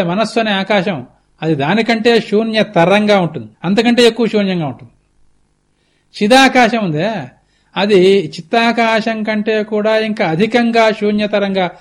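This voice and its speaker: A grave goddess speaks with calm, unhurried authority, as a man puts her on. The voice drops lower and softer than the storyteller's usual telling but stays fairly high for a man. She gently chides and explains like a patient teacher. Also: close to an everyday voice. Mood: grave, explaining. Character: calm, grave goddess consoling a grieving queen.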